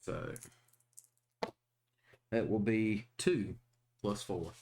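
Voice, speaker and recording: A man playing a tabletop role-playing game, talking in a halting way with many fillers and frequent laughs. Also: on the low side, wildly swooping pitch, gravelly, a little mellow, slight background noise. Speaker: player.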